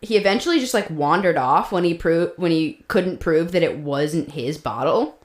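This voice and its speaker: A woman's voice: fairly low pitch, expressive, moderate pace. A woman co-hosting a podcast, telling the story in a casual, chatty way with fillers and laughs. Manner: chatty, laughs often, many fillers and restarts. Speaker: podcast co-host. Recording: roomy echo.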